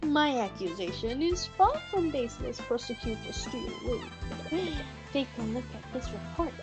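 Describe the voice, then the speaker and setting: A woman voicing a young male defense lawyer in a babyish, drawn-out voice, over game music. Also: sits high, wildly swooping pitch. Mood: babyish, accusing.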